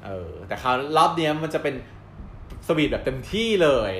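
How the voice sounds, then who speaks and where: A man co-hosting a casual chat, recapping episodes in a lively, storytelling way and laughing often. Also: fairly high pitch, normal speed, a little hiss or hum. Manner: animated storyteller, acts out quoted dialogue and laughs often. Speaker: co-host reviewing a drama series. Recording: roomy with faint background ambience.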